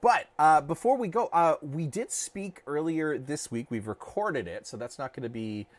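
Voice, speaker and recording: A man's voice: a little high, animated, moderate pace. A middle-aged man co-hosting a casual livestream, rambling and joking as he restarts his sentences. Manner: rambling, self-correcting, jokey. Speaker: co-host of a crypto dev livestream.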